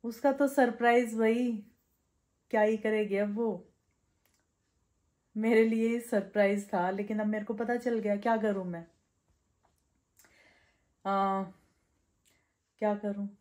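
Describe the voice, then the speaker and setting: A woman's voice: fairly even intonation, takes it slowly, pauses often, a little mellow. Young woman, vlogger; chatty casual direct-to-camera talk, everyday mid voice. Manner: chatty, addresses viewers as bhai; lowers voice to avoid waking someone. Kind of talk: casual daily vlog chat.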